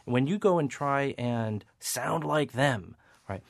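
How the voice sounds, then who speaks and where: A man's voice: mid-range voice, lively intonation, slow, creaky, no room sound, clean studio sound. A man appearing as a speech coach guest on a radio panel, explaining ideas in a teaching, coaching way. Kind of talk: expert radio commentary.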